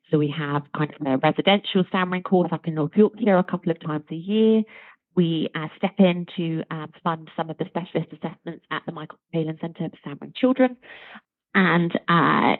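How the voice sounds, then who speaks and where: A woman's voice: sits low, fairly quick, no echo. A woman, a charity chief executive speaking as a guest in a podcast interview, articulate and enthusiastic. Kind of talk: conversational interview. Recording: tinny phone-like remote line.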